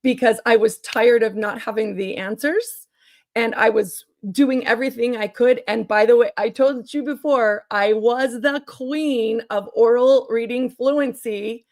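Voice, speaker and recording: A woman speaks as an expert guest in an earnest discussion. Her voice is strained and a little strangled, as if worn out from loud talking. She makes her points emphatically and often checks in with the listener. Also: fairly high pitch, measured pace. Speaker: guest researcher and curriculum developer.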